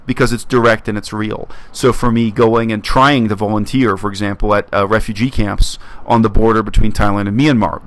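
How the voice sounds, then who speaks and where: A man from Canada talking earnestly to his viewers in a casual monologue, reflective and halting, often restarting his phrases. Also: on the low side, a bit bright. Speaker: YouTube commentator.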